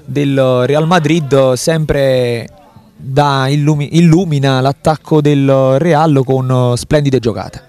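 A man's voice: mid-range voice, steady tone, slow pace, a little mellow. A man giving unscripted analysis as the second voice in a football commentary.

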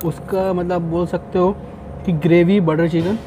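A man's voice: high-pitched, fairly even intonation, unhurried, background noise. A young man vlogging a casual food review, chatting as he tastes dishes at an outdoor rooftop restaurant. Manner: chatty, tastes and comments between bites.

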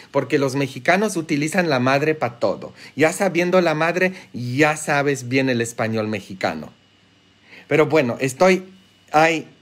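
A priest giving a live-streamed homily, colloquial and joking, firing rhetorical questions and swinging between loud high exclamations and hushed low asides. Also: male voice.

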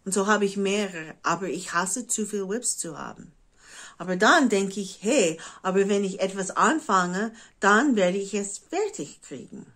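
A woman in her forties from the United States, a native English speaker with an American English accent in her German, chatting casually to camera and often pausing to search for words. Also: medium pitch, lively intonation, fairly bright tone. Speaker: craft vlogger. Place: living room at home, indoors.

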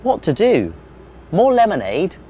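A man's voice: huge pitch swings, normal speed, darkish tone, a little hiss or hum. A man doing a chirpy little storybook robot. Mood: helpful. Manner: chirpy, high, eager to help. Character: cheerful helpful little robot companion.

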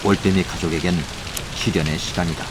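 A man narrating a scripted nature documentary in a measured, formal storytelling manner. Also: sits low, fairly even intonation, noisy background. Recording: voice over background music. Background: music.

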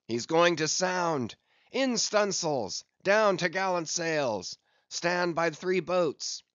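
A man voicing a fierce, obsessed old whaling captain in an audiobook, with commanding, long-drawn shouts. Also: mid-range voice, slow pace, dry recording, lo-fi sound. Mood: urgent, commanding. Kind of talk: audiobook character acting.

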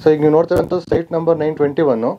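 A man's voice: fairly high pitch, very fast. A man guiding a walking tour of vacant residential plots, listing figures plainly with frequent "aa" fillers and self-corrections, recorded outdoors on a camera mic. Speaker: real estate guide touring sites. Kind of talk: walking site-tour narration. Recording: slightly dull camera audio with faint outdoor ambience.

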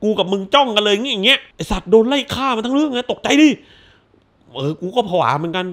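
Male movie reviewer, high and very lively voice, casual and crude, acts out scenes with shouts. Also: quick pace.

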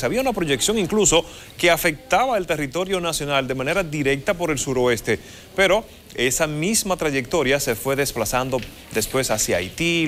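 A man's voice: on the high side, a bit bright, a little hiss or hum. A man explains the weather live in a formal, explanatory way as a TV forecaster. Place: TV studio. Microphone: lapel mic.

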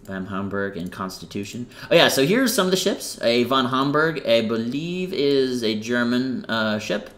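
A man's voice: medium pitch, expressive, normal speed, few pauses, a bit bright. A young man giving casual, rambling commentary over a game he is playing, full of fillers and self-corrections. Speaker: gaming channel host.

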